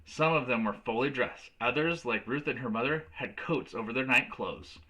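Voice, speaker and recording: A man reading a children's storybook aloud as a teacher, in a clear storytelling delivery. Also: medium pitch, moderate pace, sharp tone, rough recording.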